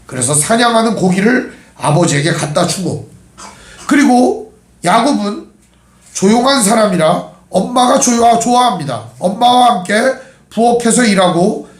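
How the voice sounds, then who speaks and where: A man's voice: high voice, lively intonation, moderate pace, echoey room. A male pastor giving a sermon, telling family stories with humorous asides. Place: church sanctuary.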